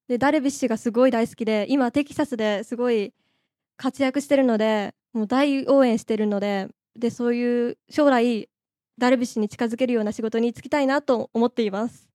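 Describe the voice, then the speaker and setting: A woman's voice: on the high side, mellow, dry recording, studio quality. A young woman, a first-year student, introducing herself eagerly. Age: young adult. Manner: eager, rushed. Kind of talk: timed self-introduction.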